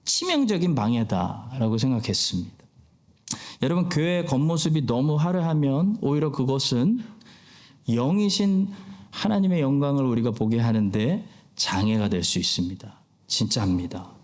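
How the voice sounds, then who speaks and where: A man's voice: medium pitch, normal speed, a little mellow. A man, the pastor of a church, preaching an expository sermon and asking his listeners rhetorical questions. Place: church sanctuary.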